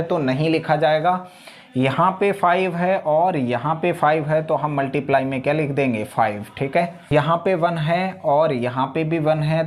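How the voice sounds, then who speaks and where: A man's voice: fairly high pitch, a little mellow. A man teaching an exam-prep math lesson, talking through each step patiently and often checking in with the class.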